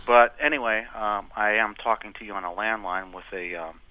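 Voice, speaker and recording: A man from Ohio calls in to a radio show over a landline phone, explaining a problem in a halting way with many ums and checking okays. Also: fairly low pitch, fairly even intonation, dry recording, phone-quality sound. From Ohio, USA. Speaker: caller. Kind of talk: call-in radio caller describing a computer problem.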